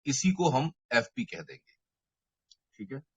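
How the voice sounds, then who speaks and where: A man's voice: medium pitch, animated, a little slow, fairly bright tone, breathy edge. A man teaching a math lecture online, working through each step and checking in with his students, mixing English terms into his talk. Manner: mixes Hindi and English terms. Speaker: mathematics teacher. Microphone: microphone.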